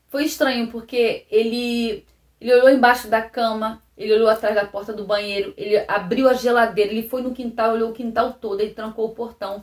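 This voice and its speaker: A woman with a Brazilian Portuguese accent giving a personal testimony to camera, halting and repeating phrases, often dropping to a soft low voice. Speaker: vlogger. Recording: roomy echo.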